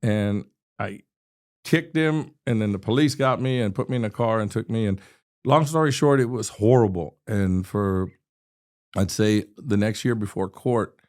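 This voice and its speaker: A man's voice: on the low side, moderate pace, darkish tone. A man in his sixties from Texas, a state representative telling a personal story as a podcast guest, earnest and vivid, often restarting his sentences.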